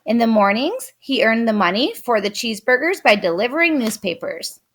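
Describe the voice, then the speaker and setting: A woman expressively reading a children's picture book aloud. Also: a little high. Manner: expressive, unhurried. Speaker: storyteller.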